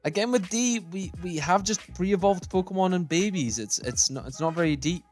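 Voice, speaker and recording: A man's voice: high-pitched, moderate pace, darkish tone, faint music behind. Opinionated man ranking game characters. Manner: opinionated, thinking aloud while sorting. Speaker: gaming YouTuber. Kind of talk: casual tier-list commentary.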